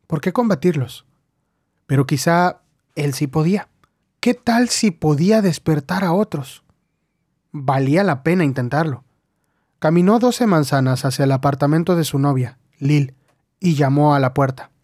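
A male narrator reads a short story in a steady, measured way. His voice sits fairly high for a man. The recording is dry and close, with no room sound. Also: husky, dry recording. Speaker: audiobook narrator. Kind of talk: scripted narration.

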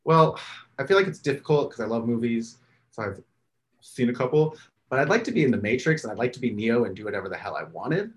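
A man's voice: mid-range voice, quick pace, slight background noise. A man, a podcast co-host, chatting casually and telling stories animatedly, laughing often. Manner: animated storyteller, laughs often, acts out his kids' voices. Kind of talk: casual chat.

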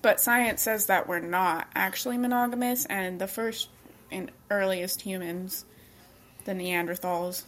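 A woman's voice: mid-range voice, fairly even intonation, a little slow, fairly bright tone, slight background noise. A young woman hosting a casual discussion podcast, asking probing questions and pushing back on her guests. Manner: probing questions, laughs often. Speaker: podcast host.

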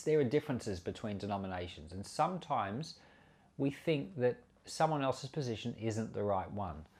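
This man's voice is lowish and a little mellow. He's a pastor and Bible teacher talking through scripture in an informal sermon, earnest and chatty, with heavy stress on important words.

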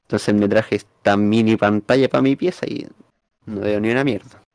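A man's voice: on the low side, steady tone, normal speed, creaky, a little mellow, no echo. A man with a Chilean accent co-hosting a casual chat, rambling and tripping over words as he reads aloud. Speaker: podcast co-host.

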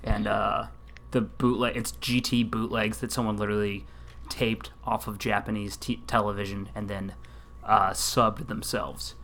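A man co-hosting a podcast, talking in a relaxed, rambling way. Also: lowish voice, unhurried, a little hiss or hum. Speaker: podcast co-host. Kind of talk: casual chat.

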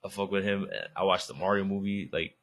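A man's voice: low-pitched, fairly even intonation, fairly quick, a bit bright. A young man co-hosting a podcast, chatting casually in a slangy, laid-back way with frequent swearing. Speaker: podcast co-host. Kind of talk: casual chat.

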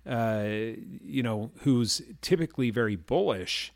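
A man casually explaining markets and trading, pausing to ask "okay?" and "all right?" as he goes. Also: medium pitch, animated, no echo, clean studio sound. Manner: explains slowly with frequent "okay?" and "all right?" check-ins. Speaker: market commentator. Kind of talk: casual finance chat.

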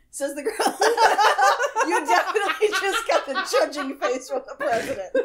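Young woman podcast co-host, laughs constantly, voice swoops up and down, jokey. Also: very high voice. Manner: laughs a lot, lively and joking. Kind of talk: casual chat.

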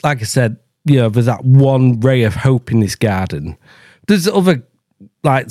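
A man's voice: medium pitch, darkish tone, dry recording, clean studio sound. Profane man ranting on a podcast. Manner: profane, exclaiming, mock-horrified commentary. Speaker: podcast host. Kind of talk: improvised satirical rant.

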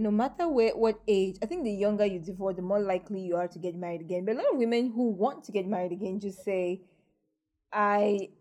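Woman interviewer, casual and affirming; quickens when making points. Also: mid-range voice, mellow.

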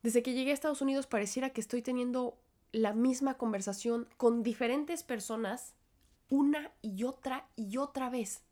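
Young Mexican woman with a cold, podcast host; fairly high voice, rambling and reflective. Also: moderate pace, warm tone. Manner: chatty and self-interrupting, with many restarts. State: has a cold and a cough. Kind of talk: reflective solo podcast monologue.

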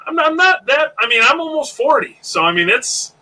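A man's voice: very high voice, big pitch swings, normal speed, pushed and bright, rough recording. A man in his late thirties hosting a podcast live stream, chatting casually in a laid-back, rambling way with plenty of fillers. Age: 30s. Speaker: podcast host.

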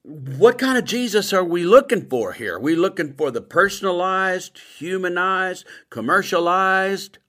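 A middle-aged man preaching a sermon with emphatic swings between loud bursts and quiet asides. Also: a little high.

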